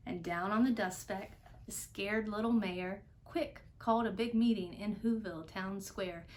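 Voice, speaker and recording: A woman reads a children's storybook aloud, narrating expressively in a mid-range voice at an unhurried pace.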